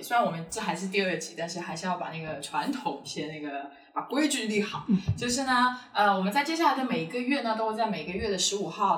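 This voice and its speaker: Roomy and away from the mic, a woman talks quickly at a middle pitch. She hosts a podcast in a casual, conversational style. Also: fairly bright tone, far from the mic. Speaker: podcast host.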